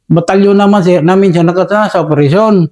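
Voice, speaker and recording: Filipino man, soldier recounting combat, high mellow voice, respectful, sir after every phrase. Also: fast. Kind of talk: interview storytelling.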